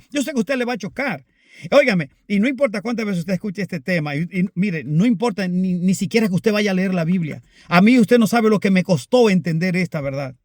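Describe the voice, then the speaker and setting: A man with a notably high voice preaches a sermon, earnest and insistent, calling his listeners brothers. His delivery swings between emphatic rises and quiet asides. The sound is dry and close. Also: dry recording.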